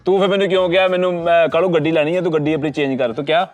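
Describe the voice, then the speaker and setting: A man in a comedy sketch, pleading and bargaining in rapid banter. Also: on the high side, fairly even intonation, faint music behind.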